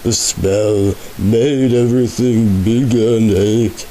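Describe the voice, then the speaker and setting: A man giving a hammy, stagey dramatic reading of a story, with slow, mock-grave delivery. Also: fairly low pitch, fairly even intonation, dark tone. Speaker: reader of a comic fan story. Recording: faint background hiss.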